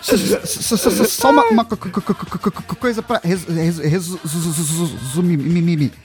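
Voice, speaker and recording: A Brazilian man putting on a heavy stammer, rapidly repeating syllables and blurting out swear words, over a video call. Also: on the high side, pitched below the performer's own voice, natural voice. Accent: Brazilian Portuguese. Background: background music.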